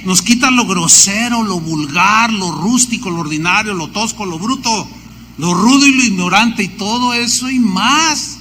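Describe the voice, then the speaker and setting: High, bright Mexican pastor preaching. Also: male voice, in a large hall, slight background noise. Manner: animated preaching with lists and storytelling asides. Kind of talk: sermon.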